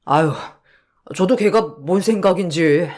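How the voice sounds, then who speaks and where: A man's voice: high voice, a little slow, darkish tone. A man voicing a husband's friend who hesitantly and sheepishly apologizes. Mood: apologetic.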